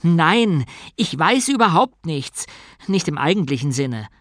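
A man's voice: fairly high pitch, sing-song, unhurried, fairly bright tone, no room sound, clean studio sound, voice pushed up. A man voicing a simple, anxious young male novice who talks in a bewildered, earnest way in an audiobook.

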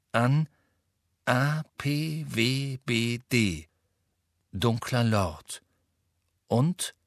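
A man narrates a novel in a measured storybook manner. His voice is husky, with a mid pitch. The recording is dry and close, with no room sound. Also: a bit bright, no echo. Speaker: audiobook reader. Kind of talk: scripted narration.

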